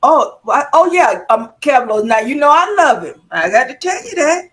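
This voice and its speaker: A woman in casual online talk, animated and flirty, laughing often as she talks. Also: high-pitched, moderate pace. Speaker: online talk show guest. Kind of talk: casual chat.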